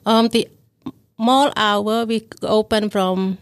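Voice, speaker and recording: A woman from Thailand who runs a restaurant, answering interview questions politely in halting, simple English. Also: medium pitch, fairly even intonation, dry recording. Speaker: food court restaurant owner. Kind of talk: interview guest.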